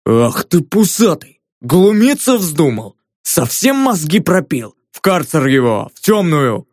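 A gruff, commanding guard captain who speaks in a stern storybook voice, as a male reader plays him. The sound is close and dry. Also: mid-range voice, moderate pace, a little mellow, no room sound, natural voice.

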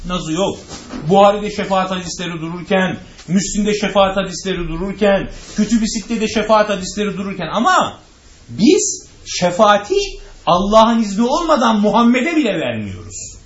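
Guy teaching a religion class, asks questions and answers them himself, kinda high lively voice, echoey dull recording. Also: moderate pace, a little hiss or hum. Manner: rhetorical, answers his own questions; addresses listeners directly. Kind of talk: lecture to a class.

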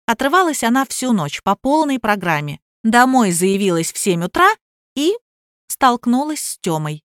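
A woman's voice: fairly high pitch, big pitch swings, normal speed, no room sound. Woman reading an audiobook, dry close sound. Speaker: audiobook reader. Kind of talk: scripted narration.

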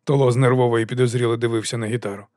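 A man reading a comic fantasy audiobook in an even storytelling voice. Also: medium pitch, very fast, dry recording, studio quality. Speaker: audiobook narrator. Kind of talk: scripted narration.

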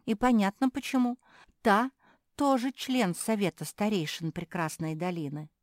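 Storybook: a flustered, whining pug seamstress, raised pitch, read by a woman. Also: moderate pace, dry recording, clean studio sound, natural voice. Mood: whiny. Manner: whiny and flustered. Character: fussy seamstress pug sister, young woman.

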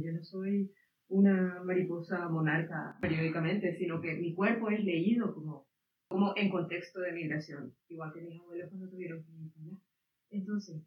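A Guaraní-speaking woman in the audience of a public debate works her way through a long, meandering question, hunting for the right words. She has a lowish voice. Slight background noise and distant, echoey, phone-like audio mark the recording.

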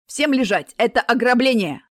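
A woman voicing a blustering male armed robber who barks loud commands. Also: on the high side, expressive, normal speed, no echo, studio quality. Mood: shouting. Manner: barking, shouted commands.

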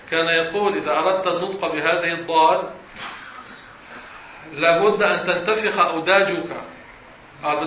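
A man teaching a religious lesson, his voice high and bright. He corrects listeners firmly and demonstrates pronunciation. The recording is roomy and echoey with a faint hiss. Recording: echoey room with faint noise.

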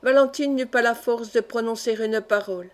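A woman reading an audiobook of a historical novel in an even, measured way. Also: a little high. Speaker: audiobook reader.

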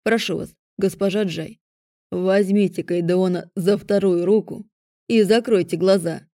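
A woman's voice: mid-range voice, steady tone, unhurried, dark tone, no room sound, studio quality, lightly acted. A woman voicing a weary, stern male dragon rector at a magic academy, who speaks in a tired, lecturing way. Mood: instructive.

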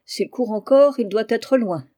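A reader of an audiobook voicing a small, emphatic male lawyer who spins ghost lore in a mellow voice. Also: medium pitch, a little slow, lightly acted. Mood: insinuating. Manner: emphatic, vague, teasing storyteller.

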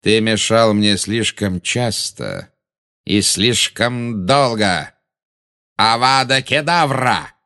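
A man voicing a cold, sinister male dark lord who speaks slowly and with quiet, silky menace, in an audiobook reading. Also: lowish voice, animated, full character voice. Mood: menacing.

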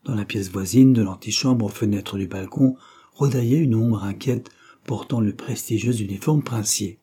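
A man narrating a romance novel in a measured, even storytelling manner. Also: on the low side, slightly rough. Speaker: audiobook narrator.

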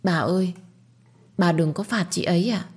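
A woman's voice: fairly low pitch, moderate pace, a little mellow, slightly rough. Woman voicing a scheming girl: sweet-talking, wheedling. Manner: sugary, wheedling.

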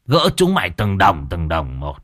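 A man's voice: deep voice, wildly swooping pitch, normal speed, a bit bright, no echo, clean studio sound, heavily acted. A man doing a slurring drunken father. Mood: drunk boasting. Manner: slurred, drawling drunk speech. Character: drunken ruined middle-aged father, gambler.

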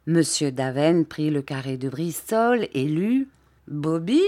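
Slow, measured woman narrating an audiobook. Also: sits low, mellow. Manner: measured, unhurried. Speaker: audiobook reader.

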